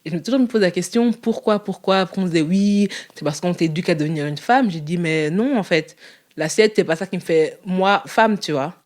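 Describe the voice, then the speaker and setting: A young woman in a casual interview, talking candidly in a quick, lively way and laughing often. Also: lowish voice.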